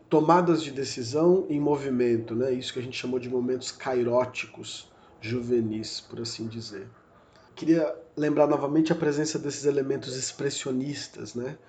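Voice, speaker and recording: In a recorded university lecture podcast, a man with a Brazilian Portuguese accent talks about literature in a medium-pitched, warm, steady voice at a moderate pace. He sounds reflective and searching, with many fillers and self-corrections. There is slight background noise.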